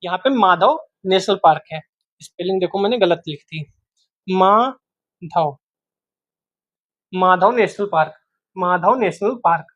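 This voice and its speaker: A man's voice: high voice, moderate pace, a bit bright, dry recording. A man teaching an exam-prep geography lesson, repeating each name several times and quizzing the listener as he goes. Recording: dull, dry, lo-fi home recording.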